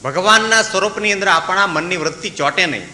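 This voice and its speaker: A swami with a high, sharp voice talks quickly through a devotional sermon, telling a story and acting out its characters' dialogue. He breaks into sung verses along the way. The hall is echoey, with a faint hiss.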